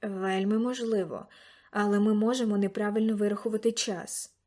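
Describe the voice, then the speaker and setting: A woman reading an eager, excitable old grandfather in an audiobook, bursting into loud exclamations. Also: mid-range voice, normal speed, natural voice. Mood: pondering.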